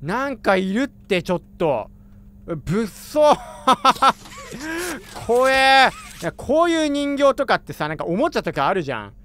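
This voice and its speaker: Male gamer, high bouncy voice, excitable and chatty live reactions. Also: moderate pace, slight background noise. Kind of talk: let's play commentary.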